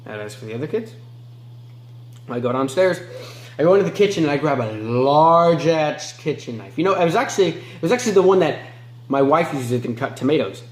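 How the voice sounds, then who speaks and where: A man playing a remorseless male killer in an amateur film monologue, moving between low mutters and sharp outbursts. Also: lively intonation, brisk, reverberant, close to an everyday voice. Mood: low, menacing. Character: remorseless male killer recounting his crimes.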